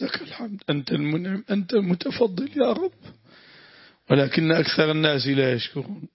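A man's voice: a little high, gravelly, husky, dry recording, highs cut off. A man, teaching a religious lesson, explaining grammar and breaking into prayers. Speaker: sheikh teaching tafsir.

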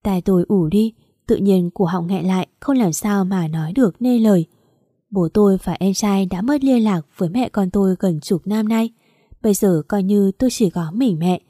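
Calm mellow woman narrating a story. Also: mid-range voice, normal speed, dry recording, clean studio sound. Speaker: audiobook narrator. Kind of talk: scripted first-person story narration.

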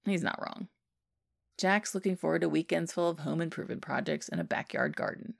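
A woman reading a fan fiction story aloud as narration in a steady, even way. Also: fairly low pitch, fairly quick, vocal fry, no echo, studio quality. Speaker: podfic reader.

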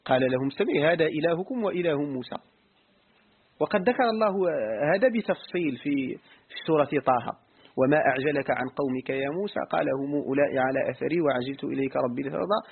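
Moroccan-accented male teacher, husky voice, patient and repetitive, quizzes his students, thin phone-quality sound. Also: fairly high pitch, animated. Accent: Moroccan Arabic. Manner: explains slowly, repeats words, asks the class questions. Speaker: Islamic scholar teaching Quran exegesis. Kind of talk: classroom lesson on a text. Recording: phone-like lo-fi recording.

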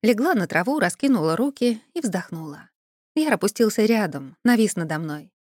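A woman narrating a first-person fantasy audiobook in a lively, expressive storytelling manner. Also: medium pitch, moderate pace, no room sound, clean studio sound. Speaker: audiobook reader.

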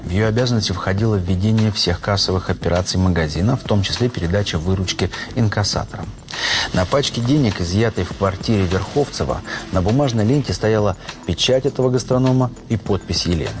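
A man's voice: fairly low pitch, fairly quick, noisy background. A man narrating a crime story from a script.

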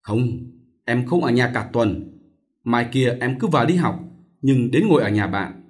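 A man's voice: medium pitch, unhurried, lightly acted. A man voicing an earnest young male student who explains things to his sister.

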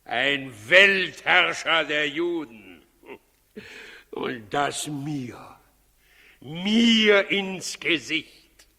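A man's voice: fairly high pitch, expressive, drawn-out words, gravelly, pushed and bright, exaggerated voice. An actor in a 1960s German radio play as a scheming, imperious king, theatrical and volatile, swinging between feigned politeness and outbursts. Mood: shaken. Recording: 1960s radio play, long reverberant hall.

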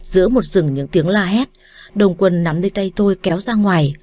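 A woman reading a first-person romance story aloud as an audiobook narrator, in a calm, measured way. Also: on the low side.

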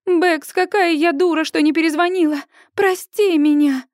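A woman reading an audiobook, voicing an emotional young woman friend who calls out in a shrill, breathless voice. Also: fairly even intonation, moderate pace, darkish tone, no room sound, studio quality. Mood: tearful, relieved.

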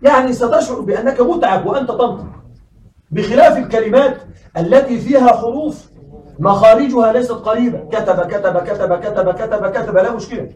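A man teaching a classroom lesson. He keeps asking his students questions and says words slowly, over and over. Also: high voice, a little mellow, roomy sound, recorded from a distance, low-quality recording.

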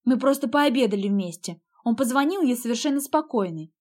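Audiobook: female reader doing a hot-tempered young brother, indignant and defensive, fairly high voice. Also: lively intonation, a little fast. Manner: heated, indignant shouting. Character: angry defensive young man, the narrator's brother.

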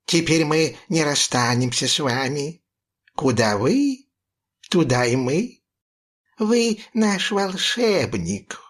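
A man voicing a smug pirate who purrs his words out slowly, in a storybook reading. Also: on the high side, big pitch swings, heavily acted. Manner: purring, drawn-out. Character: purring cat-like pirate, smug and teasing.

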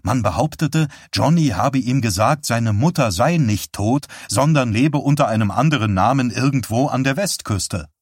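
Man narrating audiobook, calm even reading, dry close sound. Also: medium pitch, normal speed, few pauses, breathy edge, no room sound. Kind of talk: scripted narration.

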